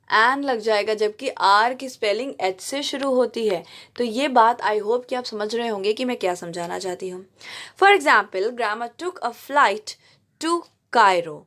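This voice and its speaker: A woman teaching English grammar to students, explaining step by step, reading examples slowly and checking that they follow along. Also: a little high, fairly bright tone. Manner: checks in with the class often.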